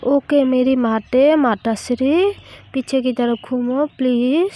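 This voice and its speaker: A woman's voice: high-pitched, takes it slowly, warm tone. A woman voicing a shy, flustered young college woman who stammers and pleads. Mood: pleading.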